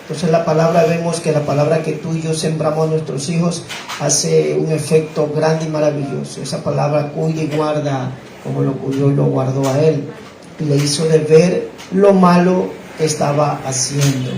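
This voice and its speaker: A man's voice: fairly high pitch, little pitch movement, moderate pace, gravelly, dark tone. A man preaching to a congregation as pastor, exhorting the listeners and often checking in with them. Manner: exhorting congregation, frequent "¿verdad?". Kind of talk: sermon. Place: church. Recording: echoey church room with noise.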